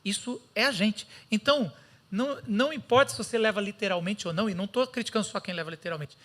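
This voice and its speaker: A Brazilian man preaching a sermon in a bright, forceful tone with a Brazilian Portuguese accent. He tells stories in a lively way and slips into the voices of the people he quotes. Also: high voice, fast.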